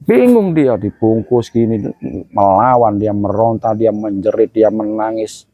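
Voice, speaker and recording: A man's voice: on the low side, little pitch movement, a little slow, no echo, highs cut off. Man giving a vivid sermon. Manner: vivid storytelling, dramatic, with many hums. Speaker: religious teacher. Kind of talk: religious sermon.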